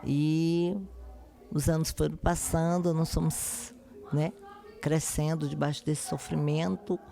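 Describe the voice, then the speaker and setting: A woman pastor from Brasília, telling her life testimony slowly and earnestly in a podcast interview. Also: deep voice, little pitch movement, creaky, dark tone, soft background music. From Brasília, Brazil. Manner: slow, earnest, devout phrasing.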